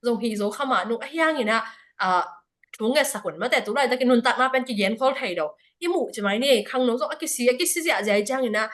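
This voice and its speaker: A woman's voice: high voice, fast talker, a bit bright. A woman speaking at a church prayer fellowship service, giving a spoken report to the congregation with frequent hesitation fillers.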